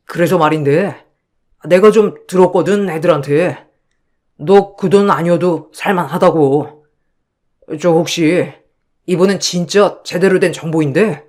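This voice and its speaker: A man voicing a brazen, smooth-talking male con man in a storybook audio drama, wheedling and then abusive. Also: a little high, lightly acted.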